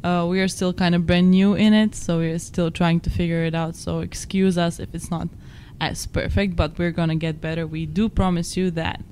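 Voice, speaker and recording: A young Croatian-accented woman co-hosts a podcast, chatting casually in a fairly low, level, warm voice at normal speed. She's chatty and self-deprecating, with non-native phrasing, and the recording carries a little hiss or hum.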